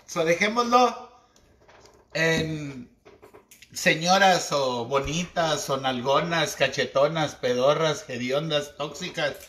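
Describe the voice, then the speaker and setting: Mexican man, esoteric livestream host, slangy theatrical chat, high-ish bright voice, echoey room. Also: slow. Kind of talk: casual livestream monologue.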